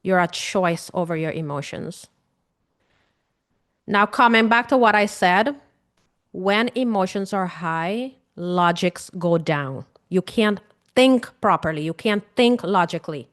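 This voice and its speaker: A woman with a Guyanese accent and a fairly low voice speaks at a measured pace. An emotional healing coach, she addresses her viewers directly in a casual, earnest talk to camera, repeating points and posing questions to them.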